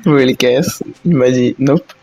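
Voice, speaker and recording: A man chatting casually with a friend while they play a game together, reacting quickly to what happens. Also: medium pitch, a little mellow. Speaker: teammate on voice chat. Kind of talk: casual gaming chat.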